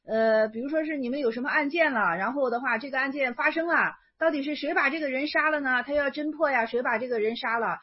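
Talking through an ancient Chan koan in an informal lecture, this woman reasons out loud, fixes her own wording as she goes, and leans on plenty of fillers. Her voice sits high and runs fast with few pauses, and the top end of the audio is missing.

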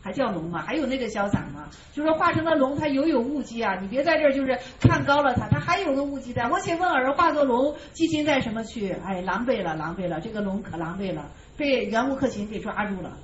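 A woman's high, bright voice carries a Chan Buddhist dharma talk. She draws out verse lines slowly, then turns to sharp, insistent rhetorical questions, repeating phrases again and again. The recording is roomy and a little dull. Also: expressive, slight background noise.

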